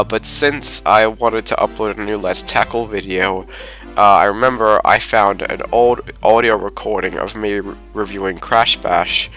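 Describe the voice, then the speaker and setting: A man's voice: fairly low pitch, bright, forceful tone. A man with a stuffy, congested voice, recovering from a fever, giving a casual and hesitant channel update. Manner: casual, hesitant with many uhs. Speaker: YouTube game reviewer.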